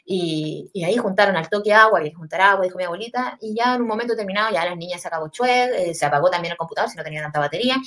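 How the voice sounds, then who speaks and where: A young woman with a Chilean Spanish accent, telling a story in a casual, animated way, with lots of slang and swearing. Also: on the low side, rapid-fire, hardly any pauses.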